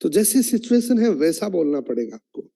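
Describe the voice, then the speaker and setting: A man's voice: fairly high pitch, very animated, normal speed, gravelly, warm tone. A man running an online training meeting, explaining his point in an instructive way and asking the audience questions.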